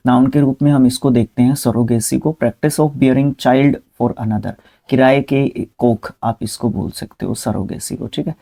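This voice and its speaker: A man's voice: medium pitch, steady tone, measured pace, vocal fry, mellow. A man teaching English vocabulary in a casual spoken lesson, talking students through spellings, repeating words and correcting himself mid-word.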